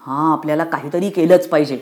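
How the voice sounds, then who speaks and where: A caring village mother speaks in an anxious, hurried way, as a woman reading a storybook puts her on. Her voice sits a little low and close to the reader's own. The reading is steady and clear. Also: natural voice. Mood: worried.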